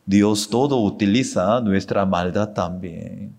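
A man's voice: fairly low pitch, takes it slowly, darkish tone. A male pastor preaching a sermon with emphatic exclamations, acting out voices of the people he quotes. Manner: acts out quoted dialogue in the talk. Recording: long hall reverb.

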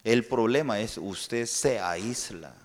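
A man preaching a sermon as pastor, telling stories and acting out voices in an animated way. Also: fairly low pitch, takes it slowly. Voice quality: animated storytelling, acts out voices. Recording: long reverb in a hall.

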